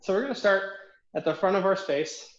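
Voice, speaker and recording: A man's voice: sits high, a little fast, reverberant, highs cut off. A man coaching an online fencing footwork class, counting reps aloud as he demonstrates drills, out of breath from the exercise.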